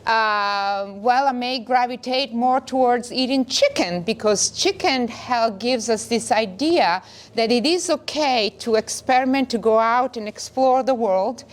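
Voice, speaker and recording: A woman's voice: fairly high pitch, unhurried. A middle-aged woman from northern Italy, talking earnestly in long flowing phrases as a wellness co-host. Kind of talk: casual conversation.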